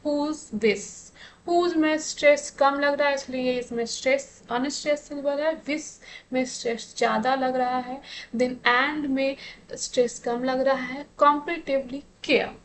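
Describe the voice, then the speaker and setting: Slow, high-voiced teacher woman. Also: steady tone, slight background noise. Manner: slow, patient explaining with rhetorical questions. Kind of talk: exam-prep lesson.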